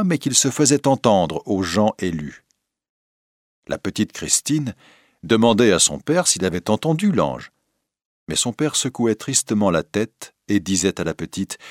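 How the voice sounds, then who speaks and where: A man narrating a classic novel as a read-aloud audiobook at a steady storytelling pace. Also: lowish voice, no room sound, clean studio sound.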